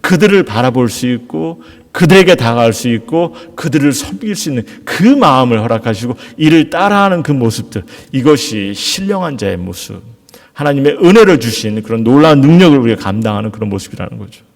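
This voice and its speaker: A man's voice: mid-range voice, lively intonation, fairly quick, gravelly. A middle-aged man preaching a sermon as a pastor, earnestly asking rhetorical questions of his congregation. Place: church sanctuary. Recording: long hall reverb.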